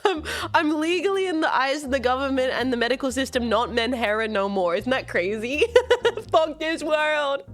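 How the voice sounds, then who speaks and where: A woman's voice: sits high, normal speed. A young woman streamer chatting casually, giggling often, swearing freely and rambling with fillers. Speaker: VTuber streamer. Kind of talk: casual livestream chat.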